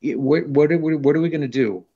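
Speaking fairly quickly in a slightly rough, fairly high voice, this middle-aged man rambles earnestly as a panel guest and repeats words when he gets heated. The casual discussion happens over a video call from an indoor studio, with dull, lo-fi sound.

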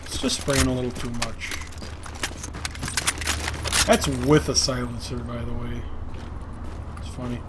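A man's voice: mid-range voice, flat delivery, measured pace, long pauses. A man giving casual, laid-back gameplay commentary, talking to himself as he plays. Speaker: gaming streamer. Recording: game gunfire and street noise behind. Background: video game ambience, gunfire, vehicles.

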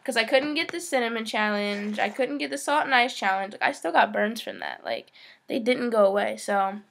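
A woman's voice: a little high, expressive, normal speed, vocal fry. A young woman in her teens making a casual home vlog, chatty and frustrated, swearing often. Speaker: vlogger.

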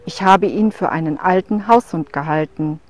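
A woman's voice: lowish voice, normal speed, a little mellow, lightly acted. A woman voicing a huge young male wolf in a storybook tale, blunt and scornful, talking with a growl. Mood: gruff.

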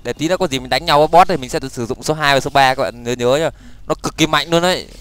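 Fast-talking excitable young man gamer. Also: on the high side, clear, resonant tone. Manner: rapid, excitable, frequent stammered repeats and exclamations. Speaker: gaming YouTuber. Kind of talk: Minecraft let's play commentary.

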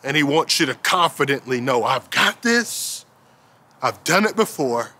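A man in his thirties preaching a sermon on a lit indoor stage, emphatic, repeating key phrases and dropping to a low hush on declarations. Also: sing-song, a little slow. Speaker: pastor. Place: indoor stage with string lights.

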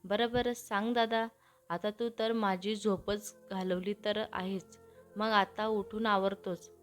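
A woman's voice: mid-range voice, fairly even intonation, takes it slowly, faint music behind, close to an everyday voice. A woman voicing a sleepy, cheeky young man bantering with his elder brother in a storybook reading.

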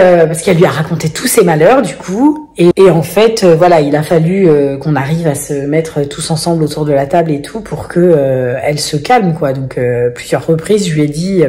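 Chatty French vlogger mom, lower voice. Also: female voice, warm tone. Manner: chatty, many fillers, acts out quoted voices. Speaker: vlogger, mother of five. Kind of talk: casual family vlog storytelling.

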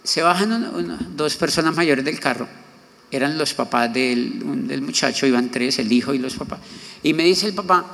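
A man's voice: fairly high pitch, normal speed, creaky. A man giving a motivational conference talk, telling an anecdote and acting out the other people's voices. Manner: animated, acts out quoted voices. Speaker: motivational speaker. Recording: long hall reverb.

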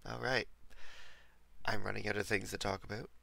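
A young man with a lowish, gravelly voice and a bright edge, getting over a cold. He rambles casually to his viewers while streaming a game, talking into a desk mic. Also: level tone, moderate pace, dry recording. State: recovering from a cold. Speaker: livestreamer. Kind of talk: casual gameplay commentary.

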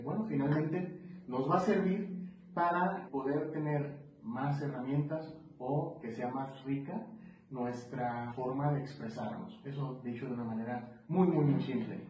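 A man's voice: medium pitch, darkish tone. Man teaching drums in a roomy space. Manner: counts beats aloud, explains step by step. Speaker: percussion teacher. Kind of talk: drum lesson explanation. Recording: roomy, distant mic with faint noise.

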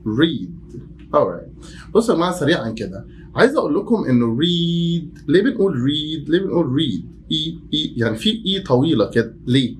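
A man with an Egyptian Arabic accent teaching English vocabulary to beginners. He repeats each word and sentence slowly, then explains it quickly. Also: fairly high pitch, slight background noise.

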